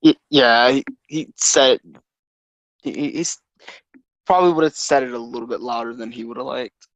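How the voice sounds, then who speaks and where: Player guy, halting casual talk, dry close sound. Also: medium pitch, fairly even intonation, a bit bright, dry recording. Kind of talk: casual tabletop play.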